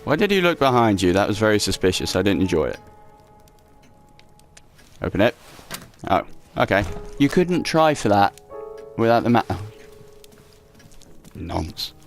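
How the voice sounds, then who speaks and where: This young let's play host has a lowish, sing-song voice and talks a little slowly, pausing often. He reads in-game notes aloud as he plays a horror game, keeping his commentary casual, sarcastic and full of swearing. Game music is faintly audible.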